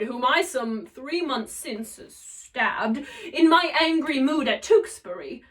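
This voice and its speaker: A woman's voice: sits high, a bit bright, full character voice. A woman performing a Shakespearean soliloquy as a scheming, self-mocking male villain, theatrical and emphatic. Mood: mocking wonder. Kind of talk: classical Shakespearean stage soliloquy. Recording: voice distant from the mic.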